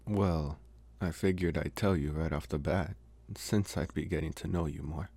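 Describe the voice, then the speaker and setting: A guy plays a smitten young male college vampire in an ASMR roleplay, an intimate one-sided dialogue, using a very deep, exaggerated, dark and relaxed husky voice. He's soft-spoken, hesitant and halting, slow with long pauses, calm yet gently possessive. The mood is awkward and coaxing.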